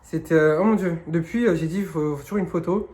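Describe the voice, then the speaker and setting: A man's voice: on the high side, a little fast, a little mellow. A young man talking casually and frankly in a question-and-answer vlog, full of slang and fillers. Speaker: YouTuber answering viewer questions. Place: indoors, sitting on his knees.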